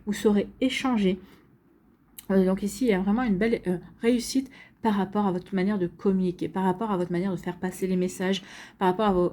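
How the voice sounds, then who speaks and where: This tarot card reader speaks in a mellow, medium-pitched voice. Her reading for viewers is relaxed and talkative, full of fillers, repeats, and a recurring "donc ici."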